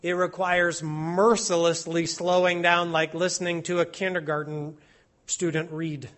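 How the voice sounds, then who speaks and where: A man preaching an expository sermon, slow and deliberate, stressing each word as he reads out Hebrew and Latin phrases. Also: on the high side, flat delivery, a bit bright.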